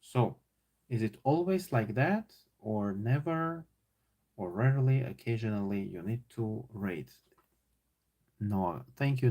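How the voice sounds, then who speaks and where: A teacher with an Armenian accent works through a leadership workbook, thinking aloud in a casual self-assessment full of fillers, repeats and restarts. His voice is low, darkish, gravelly and slightly husky.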